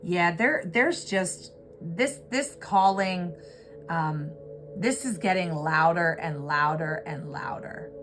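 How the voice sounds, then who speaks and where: A woman giving an earnest, reflective tarot reading, pausing often with fillers, over a music bed. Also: fairly low pitch. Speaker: tarot reader. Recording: clear music bed behind voice. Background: background music.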